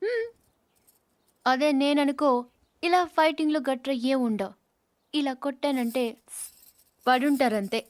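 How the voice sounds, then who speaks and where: A woman's voice: high-pitched, unhurried, pauses often. Spoilt, whiny young woman. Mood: teasing. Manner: sulky, taunting, loudly complaining. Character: spoilt, quarrelsome young woman, quick to whine. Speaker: film character. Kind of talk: Telugu film comedy scene.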